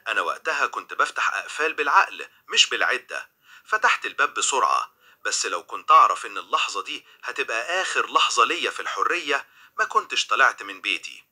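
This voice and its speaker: A man's voice: mid-range voice, very animated, fast talker, sharp tone, breathy edge. A young man with an Egyptian accent reading a dramatic first-person crime story. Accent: Egyptian Arabic. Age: young adult. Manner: dramatic, tense.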